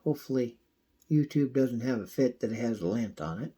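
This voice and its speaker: A man giving a casual, folksy how-to demonstration, his voice thin and squeaky from a coming cold. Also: expressive, warm tone, slight background noise. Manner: folksy, unhurried, frequent throat clearing. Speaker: video host demonstrating pocket knife care.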